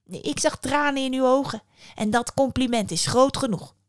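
A woman's voice: high-pitched, normal speed, clear, resonant tone, no room sound, studio quality, pitched above the performer's own voice, close to an everyday voice. A woman doing a cheerful little nightingale. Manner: bright, modest and gently polite.

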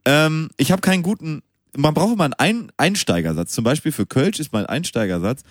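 Joking German man with a lively voice. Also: fairly high pitch, a little fast, no echo, studio quality. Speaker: podcast co-host. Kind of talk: casual comedic chat.

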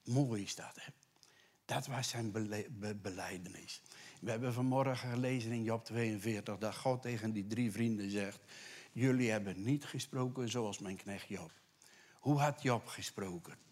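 A man preaching a sermon to a congregation, conversational and animated, dropping to hushed whispers for scripture and rising to loud emphatic bursts. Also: lowish voice, moderate pace. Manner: conversational asides with tag questions. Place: church.

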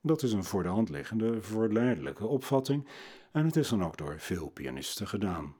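A man presenting a scripted talk on classical music, in a measured, lecturing way. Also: lowish voice, sing-song, mellow, slightly rough. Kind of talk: scripted narration.

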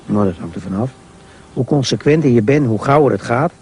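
A man voicing a patient, lower-voiced father. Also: lively intonation, a little fast, darkish tone, husky. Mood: explaining. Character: calm, patient middle-aged father.

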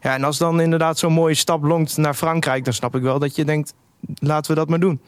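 A man weighing in as a football pundit on a live chat show, measured and hedging his opinions. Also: a little high, steady tone, clean tone, no room sound. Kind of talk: casual live broadcast chat.

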